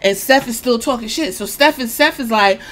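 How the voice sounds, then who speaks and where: A woman excitedly retelling a wrestling press conference in casual, profane storytelling, acting out what each man said. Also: a little high, moderate pace. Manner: excited, swears a lot, acts out quotes.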